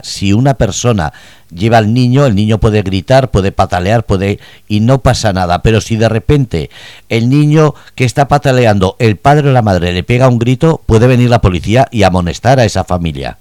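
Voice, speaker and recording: A man with a lowish voice hosts a radio talk show, putting questions to a guest with pauses and fillers. The sound is dry, with no room around it. His tone stays conversational. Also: expressive, a little mellow, dry recording. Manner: hesitant questions with many fillers. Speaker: radio host. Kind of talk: radio interview.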